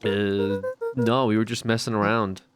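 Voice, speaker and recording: A man's voice: fairly low pitch, level tone, measured pace, music in the background, close to an everyday voice. A man voicing an anxious, evasive young boy in a mystery game, hesitant and full of questions. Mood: nervous.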